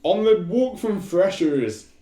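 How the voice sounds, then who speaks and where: A young man bantering casually, excitable and quick to tease. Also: sits high. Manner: excitable, teasing interjections. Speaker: podcast co-host. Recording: echoey room with crowd noise.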